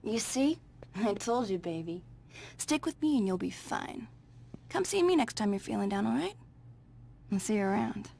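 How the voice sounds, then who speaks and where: Flirty, lively female cat burglar. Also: mid-range voice, moderate pace, creaky, pauses often, breathy edge, full character voice. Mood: flirtatious. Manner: sultry, teasing, confident. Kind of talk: video game voice acting.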